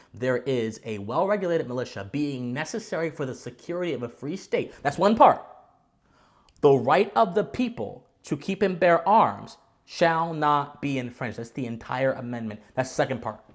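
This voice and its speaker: A man's voice: medium pitch, animated, normal speed. A man hosting a commentary channel, explaining to viewers in a didactic, formally worded way with emphatic stress on key words. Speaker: host of a political commentary channel.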